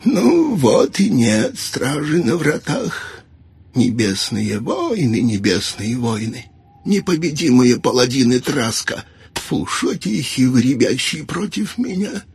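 A man voicing a cruel old necromancer archmage who grumbles and mocks, in a raspy, gravelly voice. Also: medium pitch, big pitch swings, slow, soft background music, voice pushed up, heavily acted. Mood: sneering. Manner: grumbling, mocking, gloating. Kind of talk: audiobook character voice.

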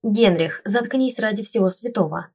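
A woman's voice: mid-range voice, normal speed, slightly rough. A woman voicing a snappish young detective. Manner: snappish, barking.

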